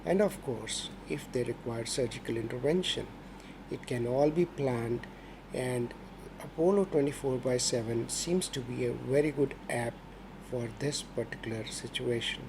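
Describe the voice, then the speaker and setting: A middle-aged man with an Indian accent, a senior doctor introducing himself in a formal, measured way. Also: mid-range voice, vocal fry, noisy background. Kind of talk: promotional self-introduction to camera.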